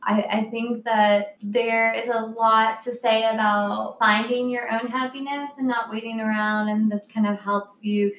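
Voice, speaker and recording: Upbeat woman co-host, slightly high voice, casual chat in an echoey room. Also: little pitch movement, measured pace, hardly any pauses, fairly bright tone, a little hiss or hum. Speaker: podcast co-host. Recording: roomy echo.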